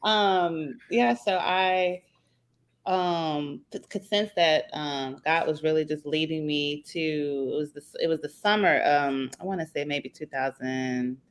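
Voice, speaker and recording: A woman's voice: sits low, measured pace, clean tone. A woman from Atlanta, a business owner guest in a casual interview, talking easily with many fillers and laughs. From Atlanta, Georgia. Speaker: guest entrepreneur.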